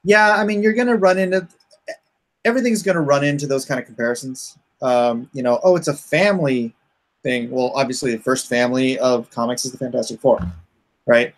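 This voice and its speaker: This man's voice is mid-range, and he's chatting informally without a script. He explains a creative project of his, stopping and starting while he searches for what to say.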